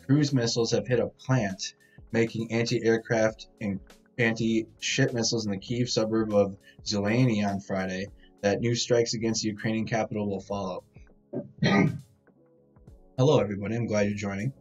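A fairly low-pitched man runs through the day's headlines in a loose, stumbling way. His voice sounds tinny and metallic, as if he is talking inside a tin can. The cheap laptop mic in a hotel room dulls the sound, and faint music plays underneath. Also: a little mellow. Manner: reads headlines, stumbles and restarts words. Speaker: live-stream news host. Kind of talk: casual news rundown. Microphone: laptop microphone.

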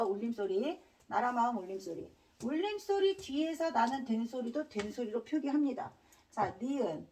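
A woman's voice: sits high, a little mellow, recorded from a distance. A woman teaching a Korean grammar lesson, drilling students with repeated questions and slipping in casual slang. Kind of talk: classroom lecture.

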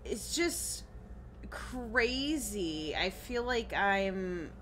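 In a mid-range, slightly bright voice, she speaks very slowly but with plenty of animation, over slight background noise. She's a young Chicago-area woman with a Midwestern American accent, casually narrating a game stream with rambling fillers and giggles.

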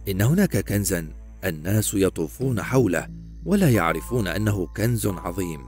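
Sly old male demon, hissing and quiet, low and mocking, voiced by a man. Menacing storybook villain. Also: animated, fairly quick, soft background music. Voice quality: hissing, whispery.

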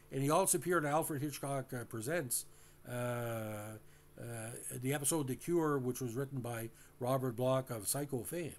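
A man talks through a classic TV episode, stopping often on "uh" and restarting his sentences. His voice sits at an ordinary middle pitch, and he speaks casually, now and then addressing the audience. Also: a little mellow. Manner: halting, many uh fillers and restarts; addresses listeners directly. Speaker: host. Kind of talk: casual recap and commentary.

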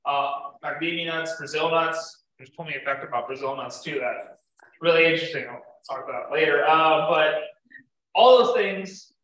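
A young beekeeping presenter with a fairly high, fairly bright voice gives a casual slide-show talk to a group at normal speed, loose and full of fillers and restarts. He is captured by a far camera in an indoor meeting room, so the sound is echoey and distant.

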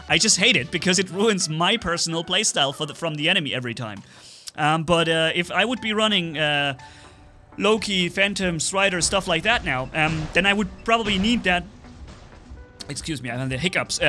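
A man streams his game live and calls the action, jumping into excited play-by-play with sound effects. His voice sits high and rings very bright and sharp. Faint game music plays underneath. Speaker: gaming streamer. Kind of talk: live gameplay commentary.

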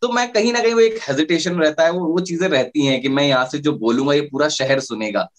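A man's voice: a little high, brisk. A male radio jockey explaining his career in a casual interview, with frequent fillers and restarts.

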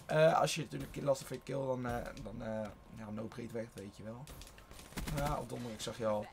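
A man giving rambling live gameplay commentary from his bedroom, voice a little strained, with excited outbursts and swearing. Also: medium pitch, normal speed, gravelly. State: slightly strained voice. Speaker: gaming YouTuber. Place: his own warm bedroom.

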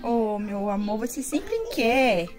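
A Brazilian mother films a casual home vlog in her bedroom, chatting animatedly and exclaiming to her little ones while she cleans. Her voice is fairly high-pitched, expressive, and slow, with loud background music playing over it.

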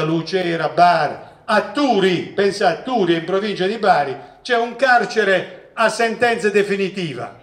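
A man, a professor telling funny stories at a public talk. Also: high voice. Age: 60s. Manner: joking, lively storyteller who acts out voices in quotes. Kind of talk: humorous storytelling lecture. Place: event hall with seated audience. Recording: echoey hall, distant mic.

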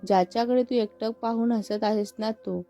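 A woman's voice: a little high, steady tone, moderate pace, warm tone, lightly acted. A woman reading the lines of a young woman who scolds and teases her friend. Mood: teasing. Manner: scolding, teasing. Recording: muffled with faint background music.

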